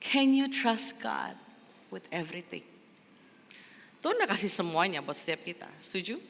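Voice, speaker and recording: A woman pastor preaching in a relaxed, conversational way, telling stories and dropping in English phrases. Her bright voice rises and falls with lively swings. A long church-hall reverb follows her words. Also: mid-range voice, normal speed, a little hiss or hum. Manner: animated, chatty, storytelling, mixes English phrases. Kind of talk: casual conversational sermon.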